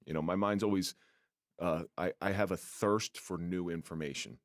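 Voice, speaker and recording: Deep-voiced male podcast host. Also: steady tone, moderate pace, no echo, studio quality. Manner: talkative, repeats words when starting a thought. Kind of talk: casual interview chat.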